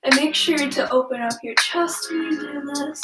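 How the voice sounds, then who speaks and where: A high-pitched young woman, nose stuffed up, runs a stretching class indoors at home at a normal pace, rambling chattily, laughing easily and using plenty of ums. Her voice reverberates, with loud music in the background.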